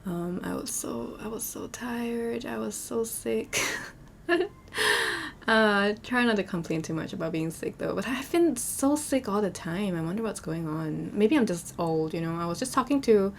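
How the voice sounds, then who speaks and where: A young woman talks in a hoarse, slightly low voice, rambling casually through a voiceover with lots of "um" and "like" and restarts. Her relaxed home recording has a faint hiss of background noise beneath it. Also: moderate pace. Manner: chatty, rambling, many fillers and restarts. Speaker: Sims speed-build YouTuber.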